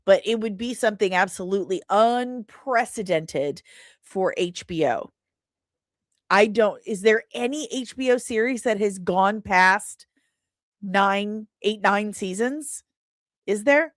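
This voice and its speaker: Taking her time, a medium-pitched woman hosts an entertainment news livestream and answers chat comments in a playful, chatty, irreverent style laced with pet names and slang. The recording is dry and clean, with studio sound.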